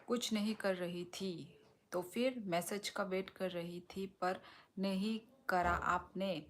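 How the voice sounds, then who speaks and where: A woman hosting a casual live stream, reading out viewer comments and answering them in an unhurried, teasing way. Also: medium pitch, fairly even intonation.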